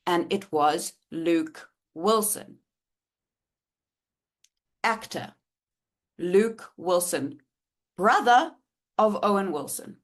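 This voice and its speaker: Woman doing a storytime vlog, open and expressive, swears a lot. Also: on the low side. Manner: candid and expressive, swearing freely. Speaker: vlogger.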